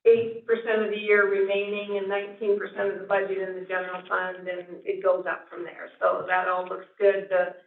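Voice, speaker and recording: A school district finance officer, a woman with a mid-range voice and vocal fry, delivers a board-meeting finance report in a completely flat tone, fairly quickly and with few pauses. She speaks plainly, thinking aloud with fillers, captured far from the mic in an echoey room on a thin lo-fi line.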